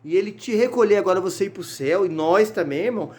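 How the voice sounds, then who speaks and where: A man's voice: high-pitched, lively intonation, quick pace, darkish tone. A man preaching a fervent sermon in a church, reading Bible verses aloud and often crying out hallelujah and brothers. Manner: repeats words and restarts while reading. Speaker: evangelist preaching on a Bible chapter. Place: church sanctuary.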